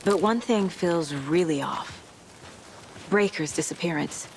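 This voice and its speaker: A woman playing a composed, curious FBI agent in a video game, speaking in a measured, matter-of-fact way. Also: on the low side, slight background noise, natural voice. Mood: composed, reflective.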